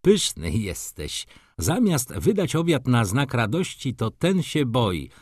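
A man's voice: medium pitch, very animated, slow pace, slightly rough, no room sound, clean studio sound, full character voice. A man voicing a cynical middle-aged doctor who teases his friends in a sardonic, expansive way, in an audiobook. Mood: mocking.

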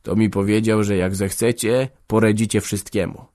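A man reading aloud who voices a weary old man, speaking gently, soothingly and a little evasively. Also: on the low side, level tone, moderate pace, natural voice. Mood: reassuring.

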